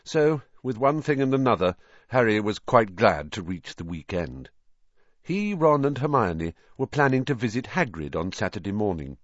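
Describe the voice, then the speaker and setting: A man reading an audiobook in scripted narration, expressive and voicing the characters. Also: fairly low pitch, normal speed, dry recording, dull audio.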